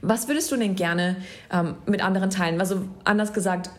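A woman's voice: mid-range voice, fairly quick. A woman hosting a podcast, asking questions and affirming her guest in a casual interview chat. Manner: warm, affirming, asks questions. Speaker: podcast host.

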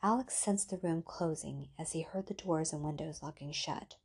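Low, husky woman reading a story. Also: normal speed, darkish tone. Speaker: story reader. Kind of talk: audiobook narration.

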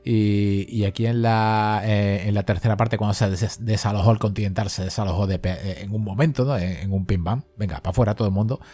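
A man's voice: on the low side, fairly even intonation, a little fast, hardly any pauses, mellow. A man from Spain co-hosting a casual film discussion, rambling with many fillers and restarts. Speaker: podcast co-host.

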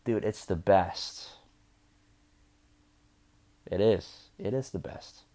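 Young man, drunk and slurring, deep-voiced, swearing casual storyteller. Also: extremely slow, dark tone. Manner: loose, profane, chatty. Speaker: vlogger. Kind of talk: rambling storytelling.

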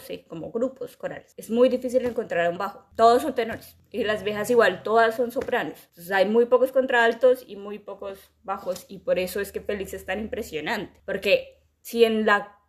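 Young woman, casual podcast co-host, animated, talks at length, mid pitch. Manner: animated, explains at length, imitates sounds. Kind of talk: casual chat.

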